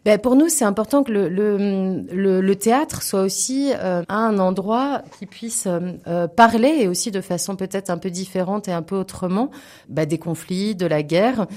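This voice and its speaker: As a theatre guest in a spontaneous radio interview, a woman speaks earnestly and emphatically, often searching for words. Her voice is medium-pitched and dark in tone, at a moderate pace.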